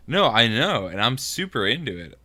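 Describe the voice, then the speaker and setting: A man's voice: mid-range voice, big pitch swings, normal speed, sharp tone. A young American man in casual podcast chat, rambling and swearing freely as he tells stories. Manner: loose, profane, rambling storyteller. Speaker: podcast co-host.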